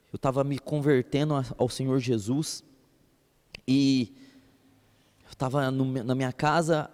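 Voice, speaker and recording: A man preaching a sermon as a pastor, telling stories in an animated way and acting out voices. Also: on the high side, long reverb tail. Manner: animated storytelling, acts out voices and laughs.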